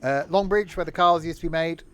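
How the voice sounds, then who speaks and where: A man's voice: on the high side, brisk, fairly bright tone, clear, resonant tone. A man chatting casually while livestreaming a train simulator, with dry, self-mocking sarcastic asides. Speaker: streamer. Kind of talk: live game stream commentary.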